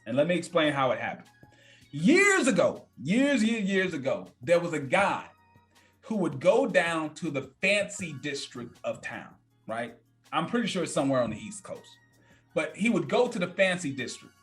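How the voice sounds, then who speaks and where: A man's voice: a little high, very animated, moderate pace, fairly bright tone, faint music behind. A man in his thirties, a podcast guest telling a story in a blunt, emphatic, casual way that repeats points for effect. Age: 30s.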